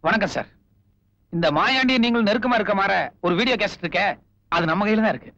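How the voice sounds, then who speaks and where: An actor playing a confident, wry thief in a film, talking in a chatty way. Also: male voice, high-pitched, fast talker, pushed and bright. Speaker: thief turned helper. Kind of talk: film dialogue. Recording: dull lo-fi film audio with music.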